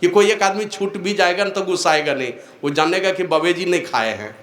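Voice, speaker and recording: Older man, spiritual teacher, devotional sermon, raised exhortations, slow low asides, somewhat high voice, echoey hall. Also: a bit bright. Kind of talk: devotional discourse.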